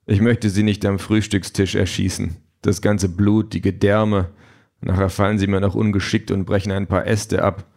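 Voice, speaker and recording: Man voicing a pompous villain, calm, fussy, condescending, low voice. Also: moderate pace, creaky. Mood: cool menace.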